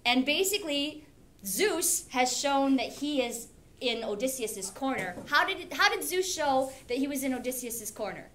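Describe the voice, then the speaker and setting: Her voice is high-pitched and animated, moving at normal speed, as this middle-aged teacher performs a dramatic reading indoors and breaks off for casual explanations. The sound comes from a classroom camera several metres off, with noise in the background.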